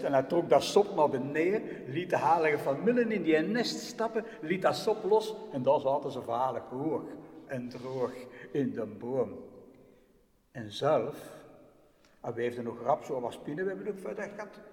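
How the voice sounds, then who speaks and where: A man telling a story, lively, with big shifts between loud and hushed. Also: mid-range voice. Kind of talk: spoken storytelling. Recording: distant voice in echoey hall.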